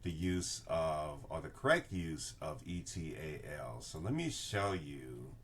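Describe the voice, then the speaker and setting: With an extremely low, animated voice that is a bit bright, an older man teaching a research class walks through an informal screen-share tutorial at a slightly slow pace. He appears in a video inset in an indoor room with bookshelves, explaining and often checking understanding. There's slight background noise.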